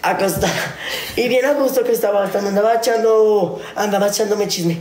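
A woman's voice: medium pitch, fairly quick, a little mellow. A young woman with a Mexican accent gossiping in a rambling, slangy way as a vlogger. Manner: rambling, slangy, quoting others in put-on voices. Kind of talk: casual gossip chat. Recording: echoey room with faint noise.

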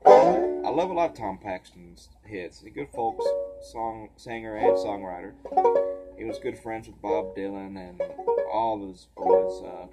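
A man teaching a clawhammer banjo lesson, a little tired, counting beats aloud in a relaxed, casual way. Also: lowish voice, measured pace, gravelly, loud music behind the voice, low-quality recording. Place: porch. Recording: banjo playing behind.

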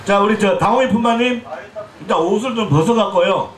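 Brisk and high-voiced, a pumba performer from Jeolla, Korea, in his forties jokes around with the audience on an outdoor festival stage. There's a slight scratchiness in his throat, and the PA sound echoes.

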